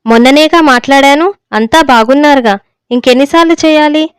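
Impatient grown son brushing off his dad, a woman reads him high and clear, dry sound. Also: a little fast, no echo, close to an everyday voice. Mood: dismissive. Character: grown son abroad, curt and dismissive.

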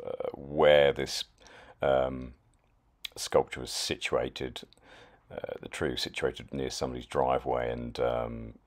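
Very deep-voiced man, halting voice-over. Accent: British English. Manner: hesitant, many ums and restarts. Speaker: chainsaw wood carver. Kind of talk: casual voice-over narration.

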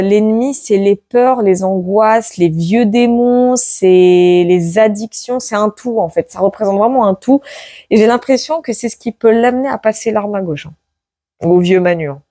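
A woman reading tarot cards aloud to her viewers in a casual chat, tagging her sentences with "hein" and bursting into loud exclamations. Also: medium pitch, no room sound, clean studio sound. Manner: excitable, exclaims loudly, many "hein" tags. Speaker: tarot card reader. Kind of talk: casual card-reading video.

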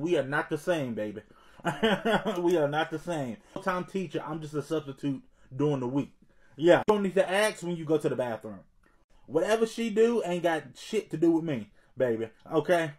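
Sassy female substitute teacher, done by a man, comedy skit, calls kids baby, slightly high voice.

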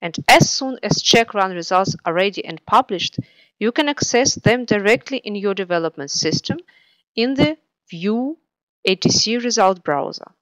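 Woman, screencast narrator, even instructional read, dry close mic. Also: mid-range voice, normal speed, no echo, poor audio. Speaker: software tutorial presenter.

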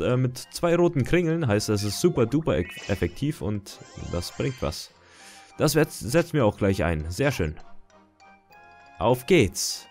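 A young man talks his way through a video game, chatty and excitable, often muttering to himself. His voice sits at an ordinary pitch, and faint game music plays behind him. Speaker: gaming let's-player. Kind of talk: casual gameplay commentary.

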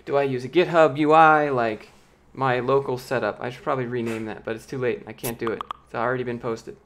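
A brisk-talking streamer in his late twenties keeps his intonation fairly even as he reads viewer questions aloud and wanders through answers in a laid-back chat. His light, boyish voice now and then squeaks, and there's slight background noise. He sits close to a large studio microphone with a pop filter in a small home office.

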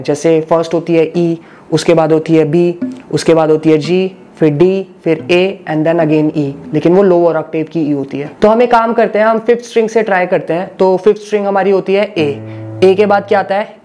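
A man's voice: sits high, a little mellow. A man teaching a guitar lesson, patiently explaining and repeating each step, mixing Hindi with English phrases.

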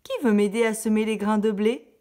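A woman voicing a hardworking little red hen in a storybook reading, with high, emphatic exclamations. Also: little pitch movement, a little fast, dark tone, natural voice. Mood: determined.

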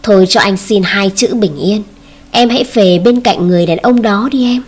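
A woman's voice: medium pitch, normal speed, darkish tone, slightly rough, natural voice. Woman reading a cold young man. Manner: cold, dismissive. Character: young man, cool and dismissive toward his ex.

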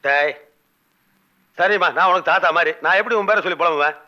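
Brief: fast-talking flustered middle-aged boss, bright voice, dull old film sound. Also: male voice, high voice. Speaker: company boss. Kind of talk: comic film dialogue.

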